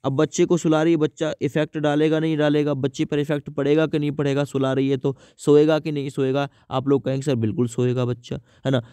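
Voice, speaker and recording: Man teaching exam grammar, slightly high voice. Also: level tone, mellow, smooth, no room sound. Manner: repetitive questioning, answers his own questions; reads example sentences slowly. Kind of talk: exam-prep grammar lesson.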